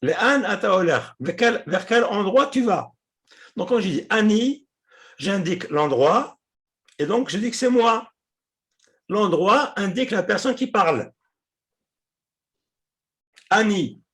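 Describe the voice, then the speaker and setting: A man teaching a class, explaining patiently, repeating words and pausing often with hesitations. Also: sits high, lively intonation, fairly bright tone. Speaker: Hebrew teacher.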